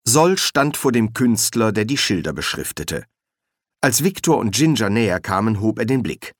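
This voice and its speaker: Lively male audiobook narrator. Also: on the low side, normal speed, dry recording, clean studio sound.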